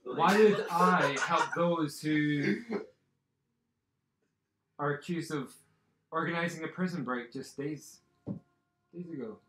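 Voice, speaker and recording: A man's voice: medium pitch, measured pace, long pauses, fairly bright tone, roomy sound, lightly acted, low-quality recording. A man voicing a haughty, suspicious silver-haired male minister with a dismissive, indignant manner, in a tabletop game.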